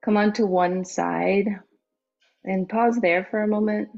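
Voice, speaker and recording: A woman teaching yoga, giving slow, soothing instructions for the final rest and closing. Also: mid-range voice, fairly even intonation, vocal fry. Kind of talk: guided yoga cool-down. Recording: dull lo-fi with faint music. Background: soft background music.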